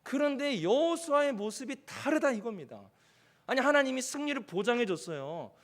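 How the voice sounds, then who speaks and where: A male pastor preaching an evening sermon, animated, acting out quoted speech and leading the congregation in reading aloud. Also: extremely high pitch, moderate pace.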